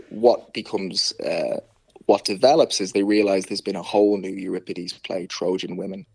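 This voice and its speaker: Lower-voiced Dublin man, close dry sound. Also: gravelly, breathy edge, no room sound. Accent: Dublin Irish. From Ireland. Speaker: author being interviewed. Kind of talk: conversational interview answers.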